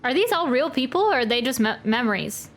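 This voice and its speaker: A woman with a high, bright-ish voice gives brisk live commentary while playing a game, her pitch swinging widely as she exclaims and repeats short phrases. She's a streamer reacting to a playthrough, with game music behind her.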